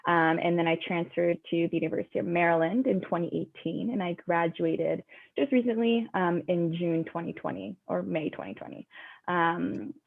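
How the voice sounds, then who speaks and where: Guest, woman, 20s, from Montreal, slightly low creaky voice, thin phone-like call audio. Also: fairly even intonation, normal speed. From Montreal, Canada. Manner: friendly, with many fillers. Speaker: guest, former athlete. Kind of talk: casual webinar chat.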